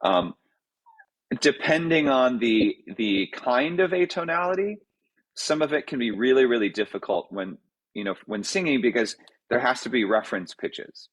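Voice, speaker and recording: A man's voice: medium pitch, expressive, normal speed, poor audio. A man, a composer, answers audience questions in a casual talk, thinking aloud with many fillers and restarts. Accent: American.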